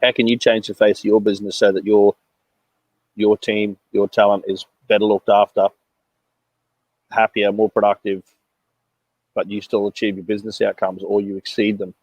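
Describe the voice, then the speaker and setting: 低く抑揚の少ない声の男性司会者. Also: male voice, lowish voice, moderate pace, long pauses, no echo, rough recording. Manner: calm, affirming, summarizing. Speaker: co-host of a business talk show. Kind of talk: casual panel chat.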